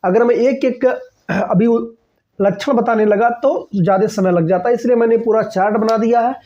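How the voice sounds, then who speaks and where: A man gives an exam-prep grammar lesson in a mellow, relaxed voice. He asks his class questions, answers them himself, and keeps checking that they follow. The recording is a little dull and lo-fi. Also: high voice, normal speed. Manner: repeats key points, frequent "ठीक है ना" checks. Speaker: teacher.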